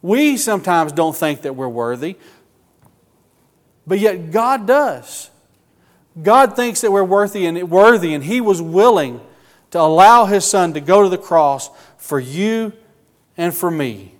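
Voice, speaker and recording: Male preacher, earnest and emotional, slightly high voice, long hall reverb. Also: lively intonation. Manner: earnest, emotional, slow emphatic phrasing. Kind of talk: sermon.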